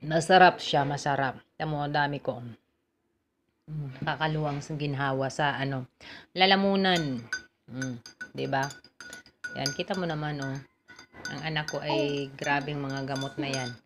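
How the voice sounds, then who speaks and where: A woman's voice: deep voice, fairly even intonation, a little slow, pauses often, background noise. A middle-aged woman with a cough, chatting casually and explaining a home remedy step by step in a home vlog. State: has a cough. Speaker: vlogger.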